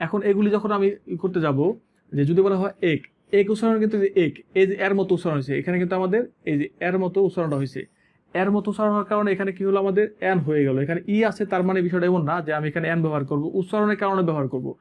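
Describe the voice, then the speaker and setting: High-voiced teacher, lo-fi. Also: male voice. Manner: repeats sounds and words slowly, asks and answers his own questions. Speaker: English grammar teacher. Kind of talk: classroom lesson.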